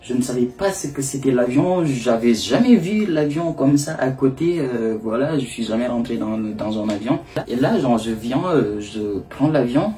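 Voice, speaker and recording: A young man from Senegal recounts a story to his viewers in loose, chatty French. His voice is mellow and relaxed, and he keeps breaking into laughter. He slips into quick impressions of the people he met. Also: medium pitch. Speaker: vlogger. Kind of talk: casual storytelling.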